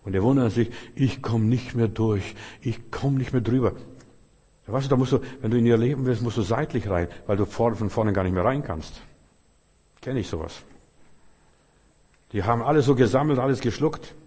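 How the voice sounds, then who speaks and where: An older pastor preaches a sermon in a fairly quick, medium-pitched voice that's a little mellow with a breathy edge, heard through long hall reverb. He is emphatic, repeats key phrases, and speaks straight to each listener.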